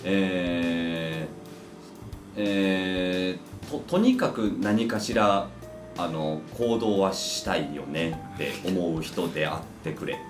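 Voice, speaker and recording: A man's voice: low voice, lively intonation. A man with a Kansai accent chatting casually, answering questions hesitantly and thinking aloud over background music. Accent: Kansai Japanese. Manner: hesitant, thinking aloud with drawn-out hums and repeats. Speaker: podcast co-host answering questions. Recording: roomy echo, music underneath.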